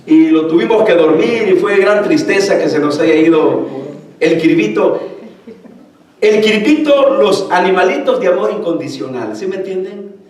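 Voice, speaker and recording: A man preaching a lively sermon as pastor, calling the congregation brothers. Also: high-pitched. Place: church sanctuary. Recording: echoey church hall from far off.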